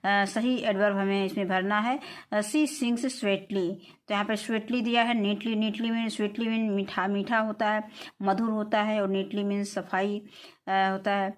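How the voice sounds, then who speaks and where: A woman with an Indian English accent working through textbook exercises. She slows right down to read each answer in English, then explains it in Hindi, filling pauses with soft "uh" sounds. Her voice sits at an ordinary middle pitch. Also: level tone. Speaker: English teacher.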